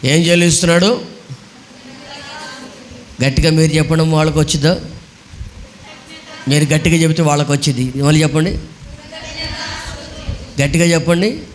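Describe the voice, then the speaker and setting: A man, a pastor, preaching a sermon and demanding the congregation answer loudly. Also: fairly high pitch, fairly even intonation, normal speed, long pauses, a little hiss or hum. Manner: scolds children to sit quietly.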